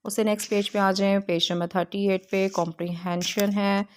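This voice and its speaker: A woman teacher walking students through a textbook exercise step by step, reading English lines slowly with frequent pauses. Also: medium pitch, level tone, darkish tone. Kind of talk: textbook lesson walkthrough.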